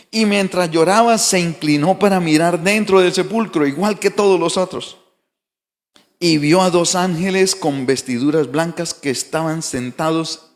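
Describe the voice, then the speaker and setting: Preaching man in a reverberant church. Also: on the high side. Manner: preaching with rising emphatic declarations and rhetorical questions. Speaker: pastor. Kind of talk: sermon. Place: church sanctuary.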